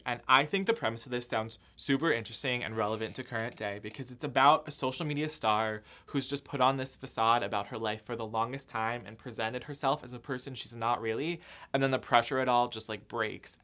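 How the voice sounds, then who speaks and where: A man's voice: medium pitch, bright, forceful tone. A young man hosting a casual book haul vlog, chatty and upbeat, cracking self-mocking jokes while filming alone indoors. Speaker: book vlogger.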